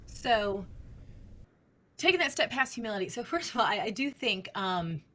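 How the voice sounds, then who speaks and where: A middle-aged woman researcher answering interview questions in an animated, emphatic way, often posing rhetorical questions. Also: mid-range voice, moderate pace. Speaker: speech language researcher.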